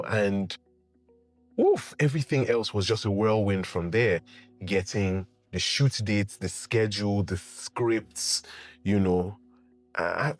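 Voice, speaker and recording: A man with a Nigerian English accent recounts his own story in a casual vlog, his everyday voice on the low side. He laughs easily and throws his pitch up sharply when he mimics others. Faint music runs quietly underneath. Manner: animated, laughs often, acts out quotes with big pitch jumps. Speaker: actor sharing his story.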